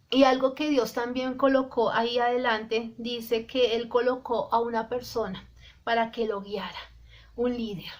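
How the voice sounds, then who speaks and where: A woman preaching a sermon in Spanish style, earnestly addressing the listener and slowing down to quote scripture, with some restarts. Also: fairly high pitch. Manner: restarts and repeats words.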